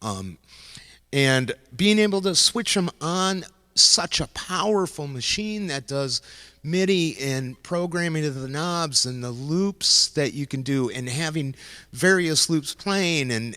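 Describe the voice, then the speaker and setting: A man's voice: on the high side, lively intonation, slow, pushed and bright, in a large hall. A man hosting a casual gear talk, rambling loosely with frequent restarts as he speaks into a handheld vocal mic. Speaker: host demonstrating music gear. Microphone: handheld vocal mic into a loop station.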